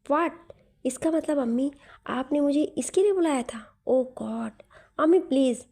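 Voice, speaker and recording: Storybook casting: a woman playing an exasperated son, high and mellow. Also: unhurried. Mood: flustered. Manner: flustered, exasperated. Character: flustered grown son. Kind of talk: storybook narration.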